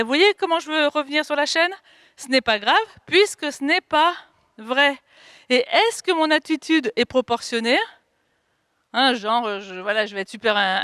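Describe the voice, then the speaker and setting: Woman, high pitch, dry sound, wellness coach on a video call, lively questioning. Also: no echo. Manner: lively, rhetorical questions, frequent "ok?" check-ins. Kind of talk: online video workshop.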